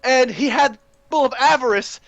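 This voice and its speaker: A young man hosting a rambling, excitable gaming rant that breaks into shouting while he plays. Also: very high-pitched, moderate pace, vocal fry, lo-fi sound. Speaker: gaming channel host ranting.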